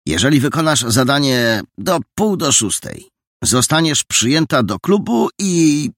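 A bossy, self-assured boy detective, put on by a man in a storybook reading, lecturing his friends with lively, bouncing intonation. The voice sits higher than the narrator's own, with a husky, slightly gravelly grain. The sound is dry and close. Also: measured pace, dry recording, exaggerated voice. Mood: brisk.

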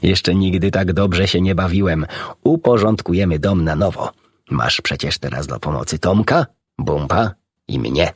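A man voicing a kindly, jovial animal doctor in a storybook reading, warm and laughing. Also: sits low, unhurried, husky, no room sound, studio quality, full character voice.

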